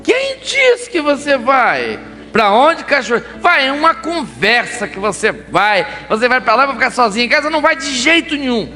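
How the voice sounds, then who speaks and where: A preacher putting on a bossy scolding wife. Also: male voice, very high voice, sing-song, moderate pace, bright, forceful tone, long reverb tail, soft background music, voice pushed up, full character voice. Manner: indignant, scolding. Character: bossy wife forbidding her husband's church trip.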